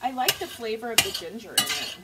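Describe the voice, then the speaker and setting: A woman in her forties, a stay-at-home mom vlogger, talks a little fast in an animated, slightly high voice while cooking in her home kitchen, chatty, easygoing and laughing at herself. Her casual cook-along is filmed by a low-angle counter camera far from her, and the very noisy audio is full of kitchen clatter, sizzling pans and clinking cutlery.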